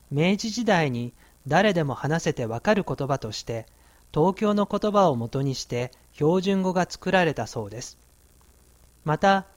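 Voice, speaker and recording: A man reading a language textbook's culture note in a clear, measured way, now and then putting questions to the learners. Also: on the high side, no echo. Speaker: textbook audio narrator. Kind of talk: scripted educational narration.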